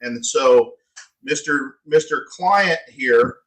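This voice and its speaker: A man co-presenting a sales training, chatting in a coaching way with fast asides. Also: mid-range voice, a bit bright, rough recording. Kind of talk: casual training discussion.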